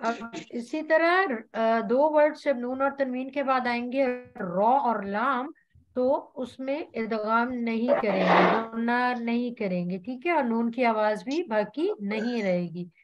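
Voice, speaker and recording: Woman teacher on a video call class, high voice, talks real slow, patient, says each word so students can copy. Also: muffled recording. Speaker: tajweed teacher. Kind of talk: online Quran recitation class.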